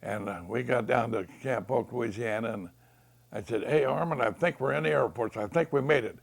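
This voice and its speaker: An American man in his nineties, an old war veteran remembering his service, telling anecdotes in a creaky, gravelly voice and acting out remembered dialogue. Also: medium pitch, moderate pace. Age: 90s. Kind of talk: oral history reminiscence.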